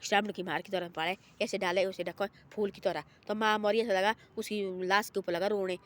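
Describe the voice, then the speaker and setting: A woman's voice: mid-range voice, fairly even intonation, moderate pace. Rambling woman telling a moral tale. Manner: rambling and repetitive, voices the people in her story. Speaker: storyteller. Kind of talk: informal moral storytelling.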